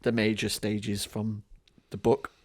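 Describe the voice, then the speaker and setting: A man with a lowish voice talks casually on a board game podcast, wandering through his points and cracking wry jokes. The sound is dry and close to the mic, with no room around it. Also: completely flat delivery, slow pace, dry recording. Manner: chatty, rambling, laughs often, wry joking. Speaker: podcast co-host. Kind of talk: casual chat.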